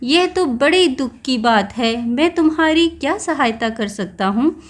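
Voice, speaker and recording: Woman doing a sneaky clever jackal guy from a kids story, suspicious, high voice. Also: animated, a little slow. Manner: sly and suspicious. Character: clever, wary male jackal.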